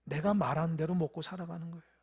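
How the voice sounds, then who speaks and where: A pastor preaching a sermon in church, shifting between loud, emphatic stresses and soft near-whispers, and asking the congregation questions. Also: mid-range voice, steady tone, quick pace, husky. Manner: tells parables, asks the congregation questions.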